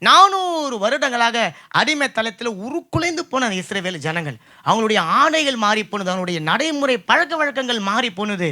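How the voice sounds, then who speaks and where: A man's voice: high-pitched, sharp tone. A man preaching a fervent sermon as pastor, often calling for an amen.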